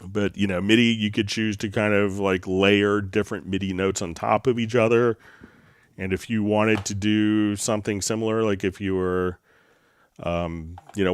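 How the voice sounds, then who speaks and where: A man with a deep, low magnetic voice and a slight cold, explaining software casually and haltingly as a livestream host. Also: smooth, no room sound. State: getting over a slight cold. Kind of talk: casual tutorial livestream talk. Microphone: close microphone straight into mixer.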